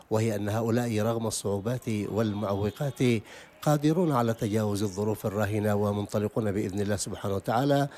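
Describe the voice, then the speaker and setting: A man's voice: on the low side, warm tone, a little hiss or hum. A Yemeni man hosting a radio interview in an outdoor market, moving from formal welcomes to patient, repeated questions. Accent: Yemeni Arabic. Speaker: radio host.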